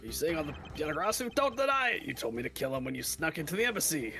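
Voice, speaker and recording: A man's voice: a little high, sing-song, rapid-fire, vocal fry, over music. Man voicing a dramatic, wildly swinging accused defendant. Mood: accusing, desperate. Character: pleading, accusing male defendant confessing in court. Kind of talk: video game voice-over read aloud.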